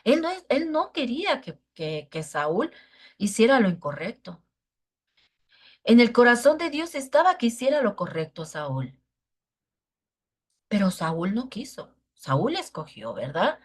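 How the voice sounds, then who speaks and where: A woman teaches a Bible lesson to children. She speaks earnestly and often pauses to check in with the young listeners through short tag questions. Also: on the high side, very animated, breathy edge. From Mexico.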